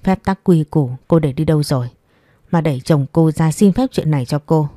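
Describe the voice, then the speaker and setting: A woman's voice: low-pitched, a little fast, warm tone, no room sound, clean studio sound, natural voice. A woman voicing a stingy old mother-in-law who nags and scolds harshly. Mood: scolding. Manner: harsh, nagging, contemptuous.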